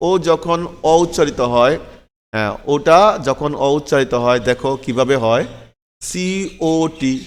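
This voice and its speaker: A man's voice: mid-range voice, clear, resonant tone, big-room sound. A man teaching English letter sounds, spelling words out letter by letter and repeating them patiently, often checking in with his learners.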